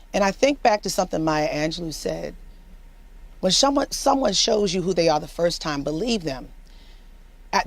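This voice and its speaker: A woman's voice: fairly low pitch, darkish tone. A woman commenting on a TV news panel in an earnest way, repeating words as she builds her argument.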